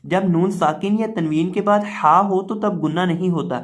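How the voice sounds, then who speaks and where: A man teaching Quran recitation rules. He explains patiently step by step, repeats his examples and slips into slow chanted recitation to demonstrate. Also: high voice. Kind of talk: tajweed lesson.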